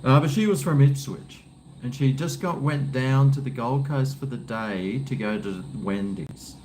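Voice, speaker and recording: A man's voice: mid-range voice, a little slow, darkish tone, low-quality recording. A man with an Australian accent chatting casually to his viewers in a laid-back, blokey, rambling way. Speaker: livestream cooking vlogger. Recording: faint background noise.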